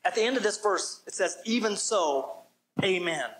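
Emphatic preaching pastor, higher-pitched man. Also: lively intonation, normal speed, a bit bright, low-quality recording. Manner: emphatic, call-and-response preaching. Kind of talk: sermon.

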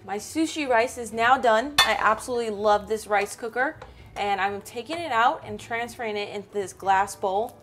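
A woman's voice: on the high side, normal speed, music in the background. Upbeat woman explaining step by step. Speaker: fishing and cooking channel host. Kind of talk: instructional cooking vlog.

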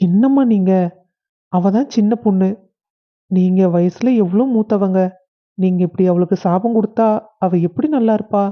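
A woman voicing a calm, sensible elder son and husband with a Kongu Tamil accent, reasoning gently with his family. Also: medium pitch, normal speed, pauses often, close to an everyday voice. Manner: soothing and reasoning. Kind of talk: family drama acting. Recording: dull lo-fi recording.

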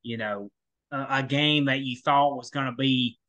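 A man's voice: mid-range voice, steady tone, unhurried, pushed and bright. A man co-hosting a college football podcast, talking casually with lots of fillers and restarts. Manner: rambling, many restarts and fillers. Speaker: podcast co-host. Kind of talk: casual sports talk.

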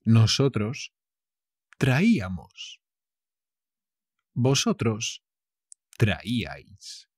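Man, Castilian Spanish accent, husky voice, slow drawn-out teaching, playful asides. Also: fairly low pitch, very animated, no echo, clean studio sound. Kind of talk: slow language lesson, switching Spanish and English.

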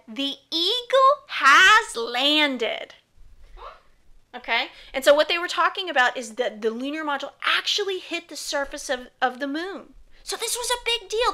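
A woman with a high, bright voice explains things informally, like a teacher hosting a children's podcast. She often pauses to prompt her listeners with questions. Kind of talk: informal educational storytelling.

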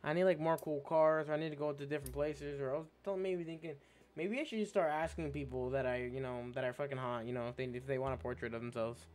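A man's voice: a little high, steady tone, quick pace, darkish tone. A man chatting casually and profanely while streaming a game, rambling and laughing often. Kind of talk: casual gaming stream chat.

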